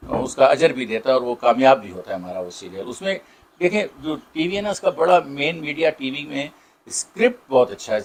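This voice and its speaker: A middle-aged actor with a Saraiki accent, answering interview questions in a warm, grateful way with many pauses. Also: male voice, mid-range voice, slightly rough. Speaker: Saraiki drama and film actor.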